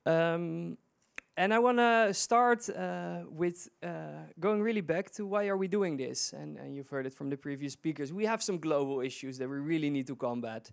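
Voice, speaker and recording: Man, fairly high voice, event presenter, halting, restarts often. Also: creaky, smooth. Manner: halting, many fillers and restarts. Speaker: presenter of the challenge.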